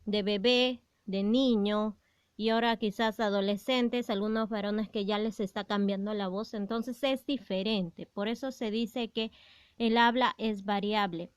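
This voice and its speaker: Slow, clear teacher woman. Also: medium pitch, fairly even intonation, dry recording, clean studio sound. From Peru. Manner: slow, explanatory, stresses key words. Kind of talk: classroom lesson.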